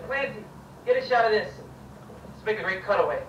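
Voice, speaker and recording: A man's voice: sits high, expressive, fairly quick, a bit bright, echoey room, recorded from a distance, dull audio, a little hiss or hum. An actor playing a brash, foul-mouthed male TV show host in a video game, bossy and profane. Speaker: game character.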